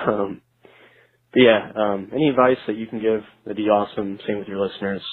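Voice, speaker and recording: A man's voice: lowish voice, steady tone, fast talker, breathy edge. An eighteen-year-old man speaking casually as a radio show caller, asking for advice over a phone line. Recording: tinny, muffled phone line.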